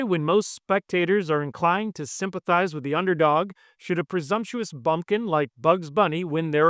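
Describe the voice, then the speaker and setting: A man co-hosting a podcast, reading a scripted introduction in a smooth, even manner. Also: high voice, no echo, studio quality. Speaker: podcast co-host.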